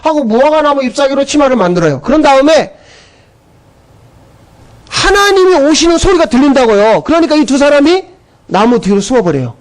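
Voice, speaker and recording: A man's voice: very high voice, very animated, a little fast, long pauses. A middle-aged man preaching a sermon as a pastor, telling Bible stories and acting out the characters' lines in changing voices. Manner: storytelling preacher who acts out biblical dialogue in shifting voices.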